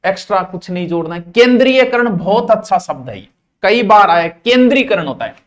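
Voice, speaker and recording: A man's voice: sits high, lively intonation, brisk. A middle-aged man teaching a grammar class, repeating each word again and again and scolding students in a playful way. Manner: drills words by repeating them, playful scolding asides.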